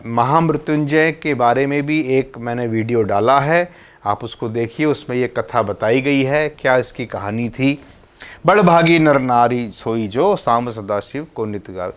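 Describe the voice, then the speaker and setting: A man slowly explaining the words of a devotional hymn, reciting verses and then patiently repeating what each word means. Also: mid-range voice. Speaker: religious teacher explaining a hymn.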